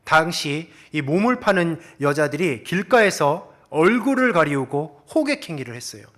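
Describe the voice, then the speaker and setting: High, lively-voiced Korean pastor preaching. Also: male voice, moderate pace. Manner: swings between loud urgent exhortation and quiet, soft asides; acts out quoted prayers and questions in the sermon. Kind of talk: sermon. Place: church sanctuary.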